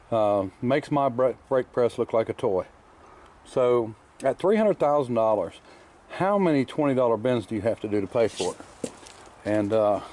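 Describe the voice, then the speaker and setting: A car restorer gives casual vlog narration from his workshop garage, rambling about his restoration projects with lots of fillers and plain wording, all while chewing candy. His mid-range voice has a warm tone.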